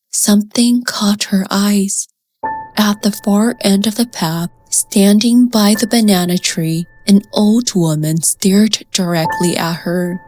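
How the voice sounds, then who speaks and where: A woman narrating a scripted folk story in a soft, hushed voice that sometimes drops to a whisper. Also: medium pitch. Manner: soft, slow and hushed, slipping into whispers at tense moments.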